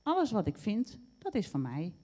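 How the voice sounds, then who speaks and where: A woman voicing a calm, well-traveled male rat in a storybook, speaking in a dry, unbothered way. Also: mid-range voice, moderate pace, voice pushed up.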